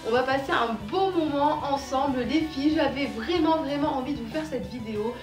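A woman's voice: high voice, a little fast, reverberant, far from the mic, music in the background. A French woman chatting casually as a beauty vlogger, bubbly and full of fillers. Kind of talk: casual chat to camera.

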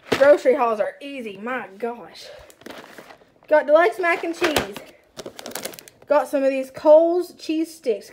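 Filming on her phone in her home kitchen, a young stay-at-home mom vlogger shows off her groceries in a high, bubbly voice, breathless and excitable, with happy asides and jokes at her own expense. Plastic bags crinkle and rustle loudly behind her, adding to the background noise.

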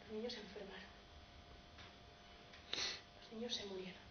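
A young woman acting as a poor, grieving male peasant farmer in a tragicomic stage monologue, telling the story in a broken, halting way. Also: medium pitch, fairly even intonation, far from the mic, close to an everyday voice. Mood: somber. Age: young adult. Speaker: drama student. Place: theatre stage. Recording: dull, roomy stage recording, noisy.

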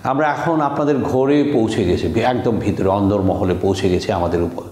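A man from Bangladesh teaching an online language lesson, repeating words slowly and deliberately to show how they sound. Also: on the low side, a little mellow, reverberant, a little hiss or hum.

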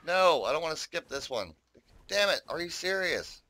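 Bright, chatty gamer guy. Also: fairly high pitch, big pitch swings, moderate pace. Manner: chatty, rambling, swears, talks to viewers. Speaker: gaming YouTuber. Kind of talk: casual gameplay commentary.

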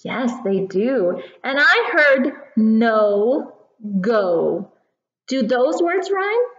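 Woman, kindergarten teacher, high voice, simple encouraging read-to-a-toddler delivery, roomy classroom sound. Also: very animated, muffled recording. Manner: simple, deliberate, encouraging talk as if reading to a toddler. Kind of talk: teaching and reading aloud to young children. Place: classroom, indoors.

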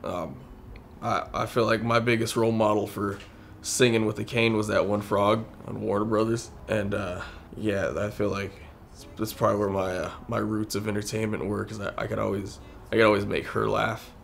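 Young man with a gravelly low voice. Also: flat delivery, a little hiss or hum. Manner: candid, halting with repeated restarts. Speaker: interviewee. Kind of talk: documentary interview. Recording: soft music underneath.

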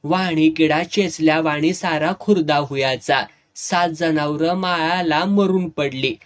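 A man's voice: fairly high pitch, unhurried. Man reading a village tale. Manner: dramatic, raising voice for shouted dialogue. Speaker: narrator. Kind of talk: serialized novel reading with voiced dialogue.

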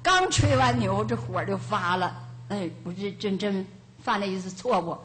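An older woman giving a Buddhist teaching as a lay teacher, telling lively homespun stories and chuckling now and then. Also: medium pitch, normal speed. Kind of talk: storytelling dharma talk. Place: lecture hall of a Buddhist centre.

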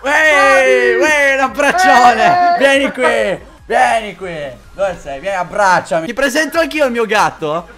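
A man's voice: very high-pitched, expressive, unhurried, hardly any pauses, over a noisy crowd. A young Italian man chatting with fans on webcam in a playful, teasing way. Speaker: YouTuber. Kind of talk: joking webcam chat with fans.

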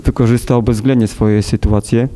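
30s guy coaching, super dark tone, slow and halting, lots of ums, press room table mic. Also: mid-range voice, steady tone. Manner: measured, hesitant with many fillers. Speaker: football coach. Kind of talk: post-match press conference. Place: press conference room with sponsor wall.

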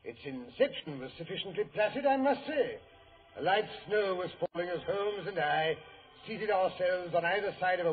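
Blustery British Doctor Watson, highish voice. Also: male voice. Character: genial, blustery male doctor, detective's loyal companion. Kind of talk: 1940s radio drama acting and narration. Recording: tinny, hissy old radio recording.

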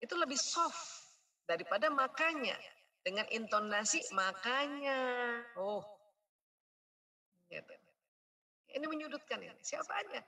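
A woman's voice: high-pitched, measured pace, long pauses, distant mic. A woman giving a parenting seminar, acting out the lines parents say. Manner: lively, acts out scolding parent lines. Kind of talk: educational seminar talk.

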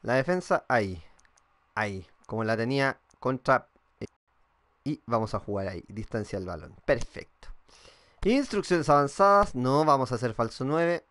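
A man's voice: mid-range voice, lively intonation, normal speed. A young Chilean man with a Chilean accent, chatting casually and swearing while streaming a football game and reading viewers' messages aloud. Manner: casual and swearing, reads chat aloud, thinks out loud. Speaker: gaming streamer. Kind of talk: live-streamed gameplay chat.

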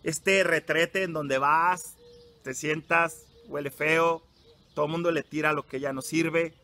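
Speaking to teens, a young Mexican man who works as a psychologist and workshop leader delivers a forceful motivational talk, questioning them directly. His voice is slightly high, steady, bright and a little slow, with some background noise.

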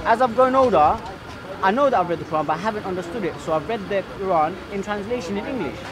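A young man from Bangladesh defending his view in a heated outdoor debate, talking fast with stumbling restarts. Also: sits high, animated. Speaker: debate participant. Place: outdoor park by a kiosk, city crowd. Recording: outdoor crowd noise. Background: crowd chatter.

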